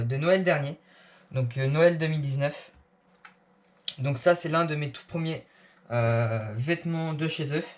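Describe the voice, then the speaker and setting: A man casually reviewing clothes he bought, with many fillers and restarts. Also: mid-range voice.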